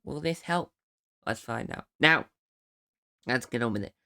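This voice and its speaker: A man with a smooth, clean-toned voice at an ordinary middle pitch hosts a casual solo podcast. He rambles in a friendly way and breaks into excited whoops now and then. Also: unhurried. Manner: chatty and rambling, with bursts of excited cheering. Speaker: podcast host.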